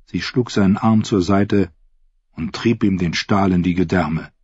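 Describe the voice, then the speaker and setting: Low, husky male storyteller. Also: no echo. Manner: steady, measured storytelling. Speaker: audiobook narrator. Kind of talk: scripted narration. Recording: dull, dry close recording.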